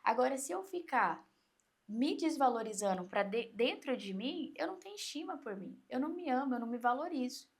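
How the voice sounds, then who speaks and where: A woman coach with a Brazilian Portuguese accent, explaining in an animated way on an interview podcast and acting out inner voices. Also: high-pitched, a little fast, creaky.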